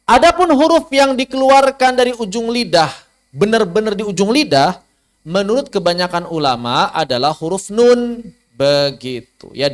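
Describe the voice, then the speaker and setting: A man, teaching a Quran recitation lesson online, asking rhetorical questions and demonstrating letter sounds aloud. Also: sits high. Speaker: ustaz teaching tajwid.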